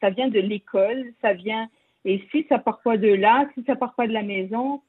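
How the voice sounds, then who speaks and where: Radio caller: woman with a French accent, hesitant and halting, husky voice over a tinny phone line. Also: fairly high pitch, no echo. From France. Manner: hesitant, many fillers and restarts. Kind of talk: radio call-in chat.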